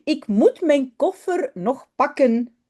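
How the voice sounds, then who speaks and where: Woman reading as a pleading little girl, high lively voice, storybook. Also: takes it slowly. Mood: eager. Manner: pleading, whiny. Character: eager little girl, easily upset.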